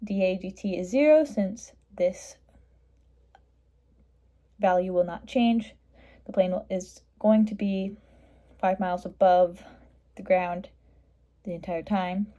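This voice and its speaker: A woman works through a math problem step by step, matter-of-fact and instructional like a tutor. Her voice is mid-range and mellow, with a slow pace and long pauses.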